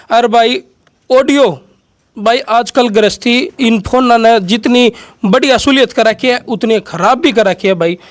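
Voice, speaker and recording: A man with a Haryanvi accent hosts and interviews, questioning his guest and explaining things to viewers in a conversational style. His voice is very high-pitched, with a clean tone.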